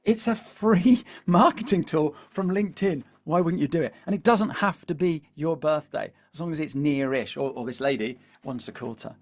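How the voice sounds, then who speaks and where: A British man leading a live webinar as a coach, chatty and animated, constantly asking the audience to reply in the chat. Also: fairly high pitch, normal speed, few pauses. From Britain. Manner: peppers speech with "all right?" and "here's the thing". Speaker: LinkedIn coach.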